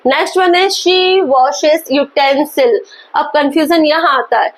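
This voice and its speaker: Lady teacher, fairly high voice, reads example sentences real slow for the class. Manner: asks questions and answers them herself. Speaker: English teacher. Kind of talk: grammar lesson in Hindi.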